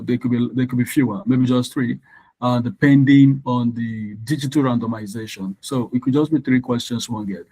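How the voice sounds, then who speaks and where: A Nigerian tutor whose first language is Yoruba teaches an online exam-prep lesson, patiently explaining and spelling words out letter by letter. He has a medium-pitched, darkish voice and often checks in with learners with "all right." The recording quality is low.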